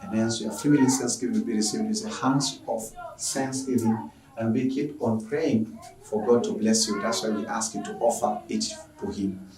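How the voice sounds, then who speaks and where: A man's voice: on the low side, moderate pace, crowd noise. A man from Tanzania, a math teacher, earnestly closing an online lesson and asking viewers for donations. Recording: echoey room, noisy from far off.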